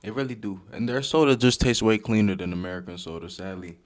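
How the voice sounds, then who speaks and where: A man's voice: lowish voice, fast talker. A man streaming casual reaction commentary with a loose, slangy drawl, dropping "bruh" and "like".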